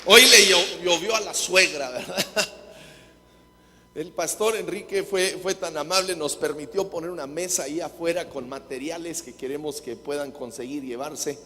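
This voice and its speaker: A man preaching a sermon with jokes, often quizzing the congregation with quick questions. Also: fairly high pitch, pushed and bright. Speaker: guest preacher. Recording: long hall reverb.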